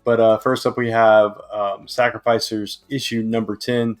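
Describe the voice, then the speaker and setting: Enthusiastic low-voiced man reviewing comics. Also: flat delivery, moderate pace. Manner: enthusiastic, with many fillers and restarts. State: slightly hoarse. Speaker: comic book reviewer and host. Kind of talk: casual review talk.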